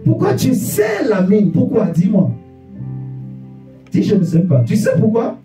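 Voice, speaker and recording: A man preaching a fervent sermon to a congregation, repeating rhetorical questions and bursting into shouts. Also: sits high, wildly swooping pitch, a little slow. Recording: echoey church room, distant mic, faint guitar.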